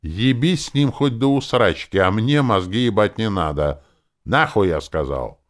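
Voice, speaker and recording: A man voicing a brash, foul-mouthed male elf druid who shouts and mocks. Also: deep voice, sing-song, measured pace, voice pushed up, exaggerated voice. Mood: rowdy. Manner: loud, swearing, mocking.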